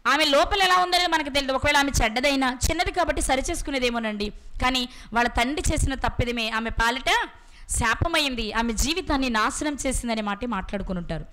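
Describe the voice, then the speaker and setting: Woman preacher, high bright voice, asks the room questions and answers them, slows down on key words. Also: a little hiss or hum. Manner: slows down to stress words and scripture. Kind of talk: Bible sermon.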